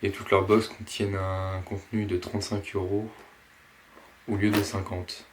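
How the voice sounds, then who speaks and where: A man casually presenting and unboxing a box of fishing lures, pausing often with fillers. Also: low voice, level tone, noisy background. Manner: slow, hesitant, many fillers. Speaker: fishing vlogger.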